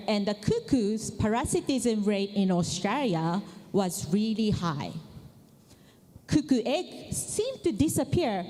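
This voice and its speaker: A woman from Japan gives a conference talk in a slightly high voice. She speaks slowly and deliberately and asks the audience questions. A large hall's long reverb trails after her words. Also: warm tone. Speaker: keynote speaker.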